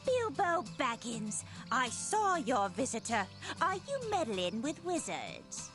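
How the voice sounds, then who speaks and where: A woman voicing a brisk, kindly, nosy hobbit countrywoman in a video game. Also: high-pitched, wildly swooping pitch, over music, heavily acted. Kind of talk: video game character acting.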